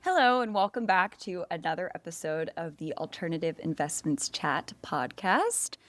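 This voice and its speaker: A woman's voice: fairly low pitch, lively intonation, moderate pace, fairly bright tone, faint music behind. A woman co-hosting a podcast, explaining things in an upbeat, playful way. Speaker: podcast co-host. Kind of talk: casual chat.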